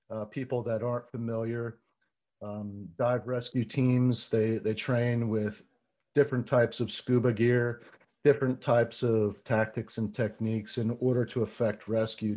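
A man hosting a podcast, reading a measured introduction and then asking questions with frequent ums and uhs. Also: medium pitch, darkish tone. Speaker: podcast host. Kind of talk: scripted intro then casual interview.

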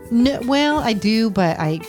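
A woman's voice: fairly high pitch, expressive, measured pace, darkish tone. A woman co-hosting a podcast in easygoing casual chat. She sounds laid-back and laughs often. A little music sits faintly behind her voice. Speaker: podcast co-host.

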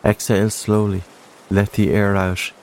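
A man narrating a guided relaxation in a slow, soothing sleep-story manner, gentle and unhurried, with spaced-out phrases. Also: fairly low pitch, flat delivery, a little hiss or hum.

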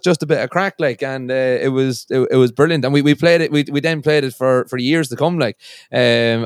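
A man with an Irish accent hosting a casual interview as a fellow musician, talking haltingly and repeating his words. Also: medium pitch, clear, resonant tone, dry recording, studio quality. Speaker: podcast host, musician.

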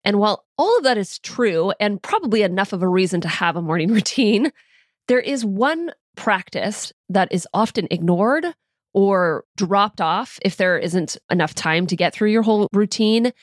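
A woman's voice: mid-range voice, lively intonation, moderate pace, no room sound, clean studio sound. A woman hosting a motivational podcast, speaking directly and encouragingly to her listeners in a slightly tired, groggy morning voice. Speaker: podcast host and coach. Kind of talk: scripted motivational podcast monologue.

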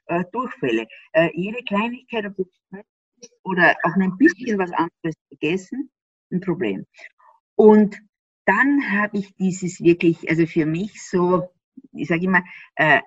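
An Austrian woman with an Austrian German accent is an interview guest, explaining things animatedly, laughing often and posing rhetorical questions. Her voice is medium-pitched and slightly rough. The recording is dry and a little dull.

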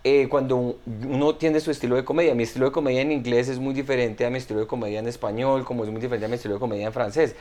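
Measured, reflective male podcast host. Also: mid-range voice, fairly even intonation, darkish tone. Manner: measured, reflective, thinks aloud. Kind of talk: casual podcast chat.

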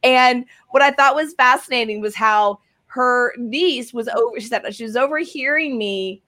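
A woman hosting a casual interview over a video call, upbeat and encouraging, talking in long quick runs. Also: a little high, bright, forceful tone. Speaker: podcast host.

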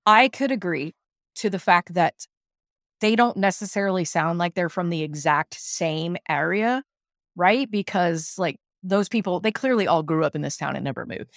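A Southern American woman co-hosts a casual TV recap podcast, arguing her opinions emphatically and with animation. Her voice is lowish at a normal speed, recorded studio-quality with no room sound.

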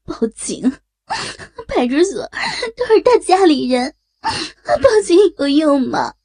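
A woman's voice: sits high, sing-song, slow pace, darkish tone, voice pushed up, full character voice. A woman voicing a frightened middle-aged mother who stammers and pleads through tears. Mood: crying, pleading. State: crying.

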